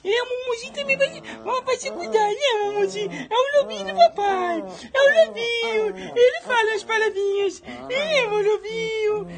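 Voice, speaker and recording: Man voicing a tiny whiny male pup with a Brazilian Espírito Santo accent, very high baby talk, dogs barking around. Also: moderate pace, hardly any pauses, a crowd in the background. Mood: whining. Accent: Brazilian Portuguese, Espírito Santo. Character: small male pet dog, whiny, baby-talking, missing his dad.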